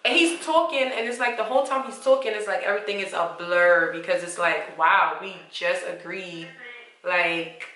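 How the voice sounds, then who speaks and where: A woman's voice: brisk, few pauses. Chatty young woman in an echoey room. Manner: animated, acts out dialogue with jumps in pitch; frank, slangy and chatty. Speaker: vlogger sharing pregnancy stories. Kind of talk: candid storytelling to camera.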